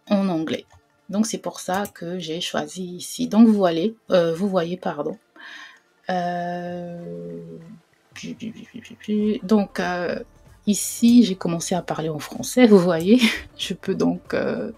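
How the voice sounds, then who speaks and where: A woman's voice: lowish voice, mellow. A woman hosting a casual screen-share tutorial, chatty and hesitant with lots of fillers and self-deprecating asides. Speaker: YouTube host demoing a website.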